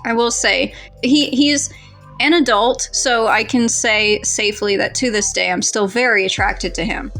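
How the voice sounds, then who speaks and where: A woman's voice: fairly high pitch, a little slow, a bit bright, faint music behind. Giggly young woman gushing in casual chat. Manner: giggly, laughs often and talks through laughter. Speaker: co-host ranking her fictional crushes.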